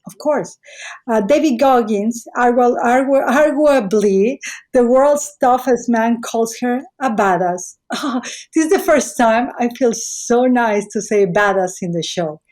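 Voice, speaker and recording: Speaking unhurriedly in a fairly high, darkish voice with lively intonation, a middle-aged woman introduces her podcast in a relaxed, chatty way. She's a native Spanish speaker with a Mexican accent, and her talk is effusive and full of digressions.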